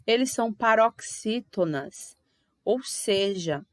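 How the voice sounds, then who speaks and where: A woman with a Brazilian accent, an English teacher giving an online grammar lesson, patiently repeating each example slowly and clearly. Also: medium pitch, lively intonation, no echo, studio quality.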